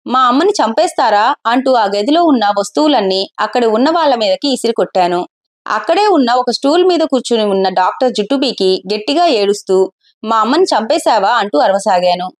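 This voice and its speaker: In a lightly acted storybook telling, a woman reads the part of a grieving young husband, guarded and quietly confessional. She doesn't alter her own slightly high voice for the role.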